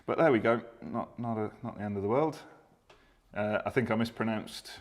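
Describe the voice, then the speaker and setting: Co-hosting a live stream, a man with a lowish voice chats casually at a moderate pace. He pokes fun at himself and reads out comments from viewers.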